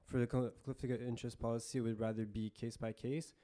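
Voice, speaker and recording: A student senator defending his motion in a council debate, answering in halting phrases. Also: mid-range voice, little pitch movement, mellow.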